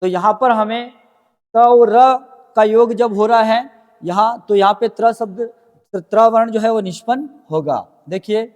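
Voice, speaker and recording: A man's voice: high voice, a little mellow, long reverb tail. A man teaching a grammar lesson, explaining step by step and answering his own questions as he goes.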